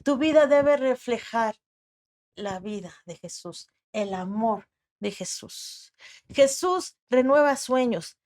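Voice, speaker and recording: A woman with a Mexican Spanish accent delivers a sermon in a slow, deliberate cadence. She speaks in a fairly high voice and acts out the voices she quotes with drama. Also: animated, a little mellow. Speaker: preacher.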